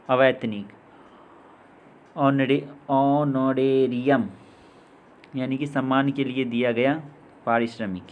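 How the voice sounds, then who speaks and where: Guy teaching english words real slow, one word then the meaning, faint hiss behind. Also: medium pitch. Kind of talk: slow read-aloud vocabulary lesson.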